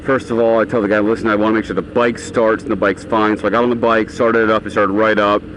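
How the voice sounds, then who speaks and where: A man's voice: lowish voice, flat delivery, fast. A man vlogging casually as he rides a motorcycle, talking from inside his helmet in a rambling, offhand way. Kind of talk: casual rambling vlog talk. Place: outdoors on a motorcycle in traffic. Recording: engine and road noise, inside a helmet.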